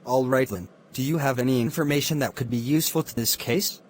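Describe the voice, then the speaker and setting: A man's voice: medium pitch, fairly quick, slight background noise, close to an everyday voice. A man playing a formal, businesslike police officer questioning witnesses in a murder mystery film.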